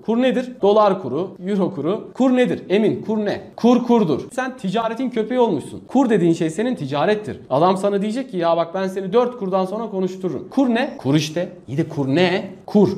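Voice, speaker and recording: A man teaching English with jokes and mocking asides, lively and teasing. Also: sits high, brisk, few pauses. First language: Turkish. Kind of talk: comedic lesson rant.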